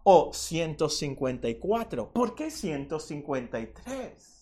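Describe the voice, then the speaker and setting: Preacher telling a bible story to kids, lively swooping voice, playful asides. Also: medium pitch, takes it slowly. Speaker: preacher teaching a Bible lesson. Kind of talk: sermon for children and adults.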